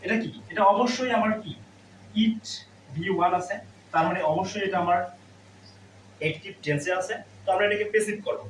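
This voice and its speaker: In a step-by-step classroom grammar lesson, a high-voiced man speaks fairly quickly but leaves long pauses. He instructs by asking questions and then answering them himself, captured on a distant mic in a roomy space with faint background noise.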